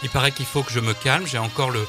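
A man hosting a radio interview, speaking haltingly with frequent hesitations. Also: mid-range voice, steady tone, music in the background. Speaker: radio host.

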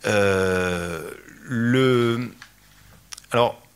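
A man's voice: fairly low pitch, very slow. A man giving a lecture talk, hesitant, with many fillers and restarts. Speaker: conference speaker.

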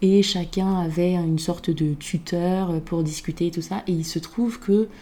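A woman's voice: lowish voice, steady tone, normal speed, warm tone. A woman from Côte d'Ivoire talking in a casual podcast conversation, reflective and hesitant, with many fillers.

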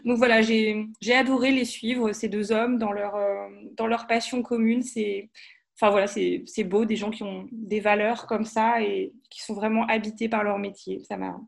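A woman's voice: medium pitch, fairly even intonation, moderate pace, vocal fry. A woman giving a casual book review, often stopping to rephrase herself. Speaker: podcast contributor.

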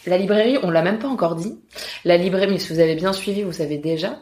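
A woman's voice: on the low side, fast talker, a little mellow. Woman podcast host, roomy echo. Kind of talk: conversational interview.

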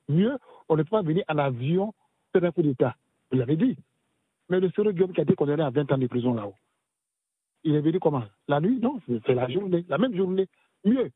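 A man's voice: a little high, slightly rough, no echo. A man leaving a voicemail for a call-in radio show, arguing his point with rhetorical questions. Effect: voicemail message played over the radio. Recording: dry tinny phone line.

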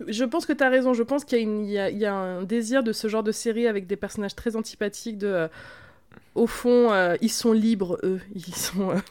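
A woman's voice: medium pitch, fairly quick, a little mellow. A woman co-hosting a casual chat, teasing her partner with light, giggly banter. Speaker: podcast co-host.

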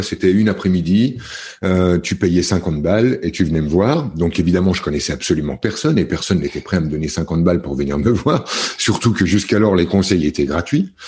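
A middle-aged man from France, a podcast guest, telling his story in casual interview talk, halting often with fillers and restarts. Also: sits low, dark tone, breathy edge.

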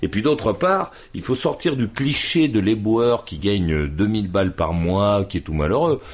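A man's voice: lowish voice, animated, moderate pace. A man calling in over the phone to a radio debate, blunt and slangy, laughing at his own points. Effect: heard over the phone.

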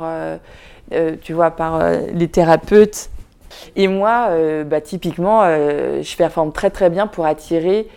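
"Tu vois," says this woman as she addresses the listener, a filmmaker guest on a podcast whose first language is Vietnamese. Her low, mellow voice is reflective and halting, and her thoughtful, casual interview talk is full of fillers and restarts.

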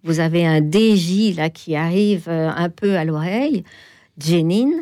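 A woman guest explaining things in an interview, hesitant, with many pauses and fillers. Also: lowish voice, mellow, no room sound, studio quality. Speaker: toponymy expert guest. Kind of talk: interview answers.

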